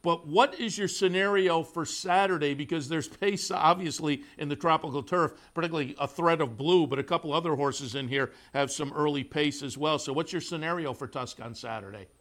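Male racing show host, higher-pitched, casual and rambling. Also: a little fast, few pauses, a bit bright. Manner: conversational, filler-heavy. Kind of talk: broadcast interview. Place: studio in the Saratoga area.

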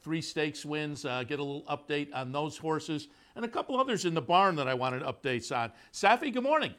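A man hosting a horse racing show, interviewing a guest in a relaxed, conversational way with frequent fillers. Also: a little high, a little fast. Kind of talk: broadcast interview. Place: studio in the Saratoga area.

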